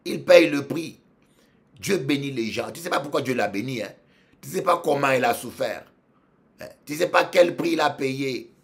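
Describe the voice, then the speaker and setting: A man preaching a sermon as pastor, repeating phrases and swinging from low murmurs to shouts. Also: expressive, normal speed, gravelly.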